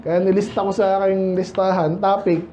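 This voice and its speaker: A pastor from the Philippines giving a conversational sermon, asking many rhetorical questions and reading Bible verses slowly in English. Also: male voice, high-pitched, little pitch movement, dark tone, dull audio, slight background noise.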